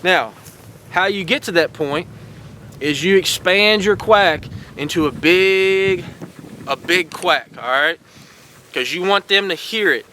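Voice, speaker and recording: A man with a high, bright voice explains things patiently outdoors, checking in with his listeners constantly. His casual instructing tone sits over faint outdoor noise. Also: slow, low-quality recording. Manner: folksy and encouraging, repeats "all right" and "guys". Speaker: host teaching duck calling.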